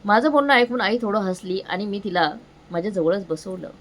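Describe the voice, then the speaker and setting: A woman's voice: mid-range voice, animated, moderate pace, slight background noise. A woman narrating an emotional first-person story in an earnest, feeling storytelling manner.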